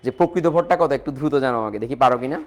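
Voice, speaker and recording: A man teaching chemistry in a live online lecture, repeating points, mixing in English terms and urging students to reply quickly. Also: medium pitch. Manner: repetitive, coaxing, mixes English terms into explanations.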